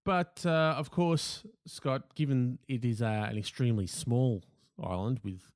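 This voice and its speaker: A man's voice: medium pitch, unhurried, dry recording, studio quality. An Australian man hosting a podcast, chatting in a mock-serious, teasing way over a call from home. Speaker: podcast host. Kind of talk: casual comedic chat.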